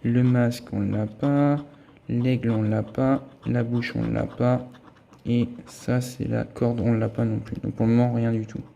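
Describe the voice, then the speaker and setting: A man's voice: medium pitch, flat delivery, unhurried, creaky, dark tone, highs cut off, slight background noise. A man giving a casual running commentary as he scratches lottery tickets, thinking aloud as he checks each symbol and letter. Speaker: scratch-card vlogger.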